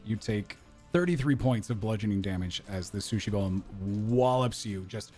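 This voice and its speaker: A man's voice: lowish voice, normal speed, a little mellow, soft background music. Laid-back man running a tabletop game. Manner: casual, joking narration of combat. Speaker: game master.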